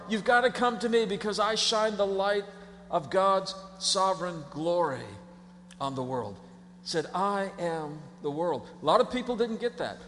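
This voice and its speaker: High-voiced preacher in a reverberant hall. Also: male voice, slight background noise. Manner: dramatic, swinging between hushed and shouted. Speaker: pastor. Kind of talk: sermon.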